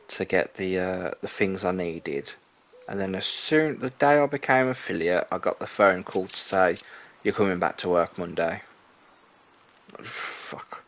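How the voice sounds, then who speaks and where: Low-voiced young male streamer, casual rambling game commentary. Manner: rambling, chatty, self-correcting. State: out of breath.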